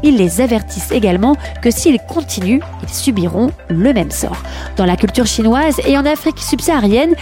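A woman's voice: a little high, expressive, moderate pace, mellow, soft background music. A woman presenter delivering scripted explanatory narration.

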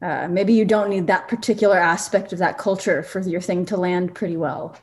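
A woman in a casual panel discussion, thoughtful and measured, laying out her reasoning point by point. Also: lowish voice, steady tone.

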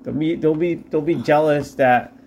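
A man's voice: on the high side, moderate pace, a little mellow, slight background noise. A man co-hosting a casual podcast chat, playful and joking as he rambles. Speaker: podcast co-host.

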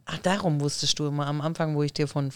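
A man co-hosting a casual podcast, chatting with plenty of hesitant fillers. His voice sits a little high and sounds smooth and resonant. The sound is close and dry. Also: steady tone, quick pace, a bit bright, no echo. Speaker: podcast co-host.

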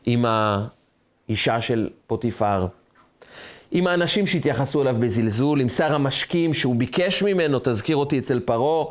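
A man, a rabbi, giving a sermon on the weekly Torah portion, telling the story dramatically in short rhythmic lists. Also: medium pitch.

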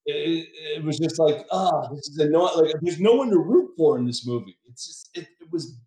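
A fairly high-voiced man co-hosts a casual podcast chat, airing an opinionated rant. His voice bounces around a roomy, echoey space, so it sounds a little distant and reflective. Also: expressive, brisk, mellow. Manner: opinionated, ranting. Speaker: podcast co-host. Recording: roomy echo.

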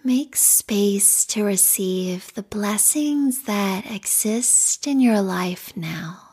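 A woman guides a meditation in a calm, meditative tone. Her voice is soft and whispery, full of breath. She speaks extremely slowly and soothingly, at a medium pitch. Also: husky.

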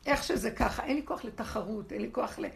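A woman giving an expressive, rhetorical religious lesson to a women's group, often laughing as she talks. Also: a little high, creaky. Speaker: spiritual teacher.

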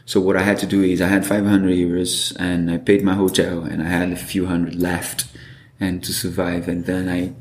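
A low-pitched man speaks at a moderate pace, his voice sounding roomy. With a Brazilian Portuguese accent, he's an interview guest who tells his stories in a lively way and performs the quoted lines.

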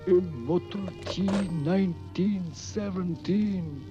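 An actor playing a forlorn fighter pilot in a television puppet drama, giving a mournful report. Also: male voice, high voice. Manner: slow, mournful radio-report delivery. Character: forlorn defeated male fighter pilot reporting to his general. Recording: dull lo-fi soundtrack with music.

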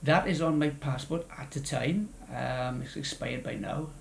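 A man's voice: mid-range voice, unhurried, creaky, a little hiss or hum. An older man from South Wales giving a rambling, wordy interview with theatrical phrasing. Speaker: interview guest, charity fundraiser. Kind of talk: conversational interview. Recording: echoey room interview.

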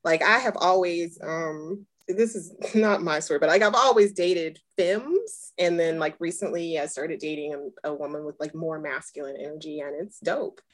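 A woman with a somewhat low voice talks openly about her dating life on a podcast. She is relaxed and affirming, murmuring agreement as her co-host speaks. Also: moderate pace, hardly any pauses. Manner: relaxed, affirming, frequent mm-hmms. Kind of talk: candid casual chat.

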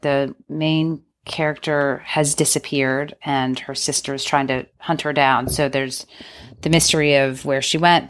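A woman co-hosting a book podcast, talking in a chatty, rambling way. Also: deep voice. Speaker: podcast co-host. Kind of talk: casual podcast chat.

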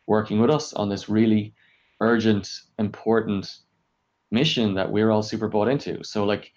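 This engineering leader has a fairly low, creaky voice with a darkish tone, and the recording has its highs cut off. He answers interview questions about his work experience conversationally, explaining emphatically with frequent "like" and rhetorical questions.

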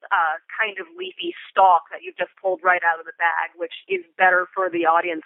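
This interview guest, a middle-aged American theater Foley artist, has a lowish voice with vocal fry and speaks in articulate, long-winded sentences packed with vivid examples. The conversation comes over a band-limited phone-like line without echo.

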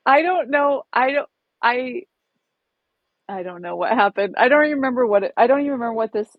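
Her voice is a little high and animated, and she talks a little fast as she co-hosts a podcast. The chat is casual and rambling, full of restarts and self-deprecating laughter at her own nervousness. No room sound is audible, though the high frequencies are cut off.

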